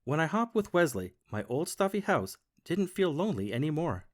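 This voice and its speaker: A man reads a children's picture book aloud in the first person, as a bunny. His delivery is playful and expressive, with a widely moving pitch. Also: normal speed. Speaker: narrator. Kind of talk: storybook read-aloud.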